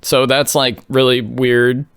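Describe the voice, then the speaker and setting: A man telling a story in a laid-back, casual way, full of likes and you-knows, on a close mic in a small quiet room. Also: mid-range voice, flat delivery, slow pace, smooth, dry recording.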